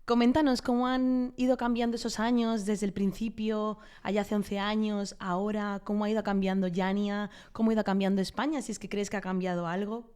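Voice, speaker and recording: Smooth-voiced woman interviewer. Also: medium pitch, flat delivery, a little fast, hardly any pauses, darkish tone. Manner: encouraging, invites the guest to go on. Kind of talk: conversational interview questions.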